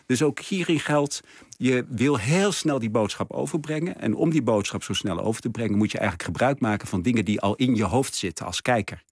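A man's voice: medium pitch, fairly quick, slight background noise. A man guest in a radio interview, explaining with enthusiasm and plenty of fillers. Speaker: exhibition curator, guest. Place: radio studio.

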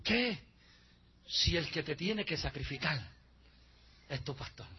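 A male pastor preaching a sermon into a handheld mic in a church, swinging between hushed passages and shouted climaxes. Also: a little high, lively intonation, slow, lo-fi sound.

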